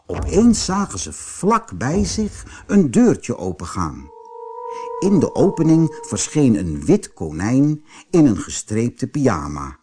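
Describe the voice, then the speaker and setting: A man reading a fairy tale aloud as a storyteller, slow and very expressive. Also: medium pitch, breathy edge.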